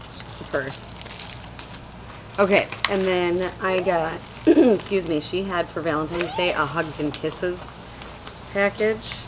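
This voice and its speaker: Woman in her twenties, low voice, rambly haul chat into a webcam with background hiss. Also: slow. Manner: chatty, rambling, many fillers. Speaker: vlogger. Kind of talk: casual product haul chat. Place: small room at home, indoors. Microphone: webcam at desk.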